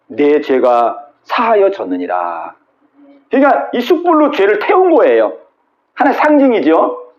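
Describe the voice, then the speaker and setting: A man's voice: a little high, darkish tone, lo-fi sound. A male pastor preaching a Wednesday sermon at a small church, retelling scripture with dramatic quoted voices and asking the congregation questions.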